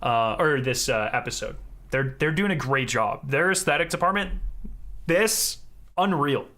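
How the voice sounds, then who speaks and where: A man's voice: mid-range voice, animated, unhurried, bright, forceful tone. A man chatting casually on a live stream as its host, in an informal, rambling way. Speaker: streamer hosting a charity fundraiser.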